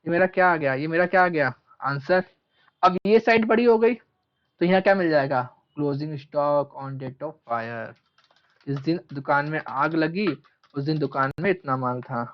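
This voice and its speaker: A commerce teacher lecturing a class, asking questions and answering them himself, repeating key terms and drawing them out slowly as he writes. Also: on the high side. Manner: stretches out terms slowly while writing. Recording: dull lo-fi recording.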